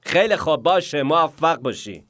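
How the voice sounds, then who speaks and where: A man's voice: fairly high pitch, expressive, a bit bright. A man dubbing a cocky young man who brushes off a girl with teasing dismissal. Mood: dismissive. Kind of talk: Persian dub of a TV drama.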